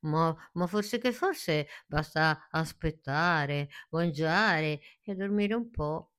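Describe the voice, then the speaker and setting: A woman voicing a calm, soft male caterpillar who talks in a slow, drowsy, hesitant way. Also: fairly low pitch, smooth. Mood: sleepy.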